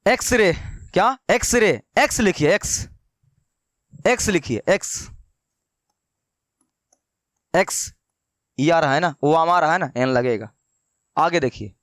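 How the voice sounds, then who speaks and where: High-voiced man teaching a grammar lesson. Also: a bit bright, dry recording, clean studio sound. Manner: asks and answers his own questions, repeats key words; slows down to dictate notes. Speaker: English teacher.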